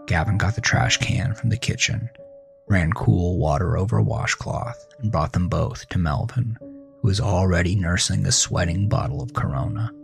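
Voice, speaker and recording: A man with a low, gravelly voice narrates a horror thriller at a moderate pace, in a scripted and dramatic storytelling style. His voice is recorded close and dry, with faint music playing underneath.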